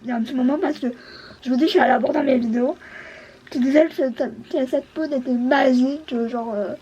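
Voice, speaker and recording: A woman's voice: high voice, fast talker, highs cut off, over a noisy crowd. A woman beauty vlogger chatting casually, hesitant and full of fillers. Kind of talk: casual chat.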